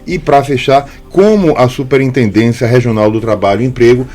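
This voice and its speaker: A man hosting a radio interview in a studio, speaking in a measured way and addressing listeners directly. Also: medium pitch, a little mellow. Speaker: radio host.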